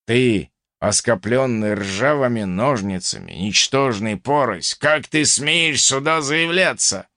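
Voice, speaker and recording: A man's voice: medium pitch, expressive, slow, sharp tone, no echo, clean studio sound, full character voice. A man voicing a hot-headed male viking jarl who bellows crude insults. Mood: furious.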